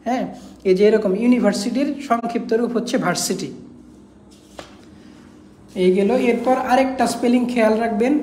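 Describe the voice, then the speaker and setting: A woman's voice: a little high, darkish tone, echoey room. A woman teaching an English exam-prep class, spelling words out letter by letter and repeating the key points.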